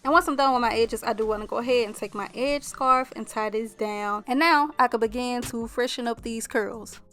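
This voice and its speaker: A woman's voice: fairly high pitch, fairly quick, a bit bright, faint music behind. A young woman casually talking viewers through a wig tutorial step by step, chatty and addressing them as y'all, with playful boastful asides. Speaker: beauty vlogger.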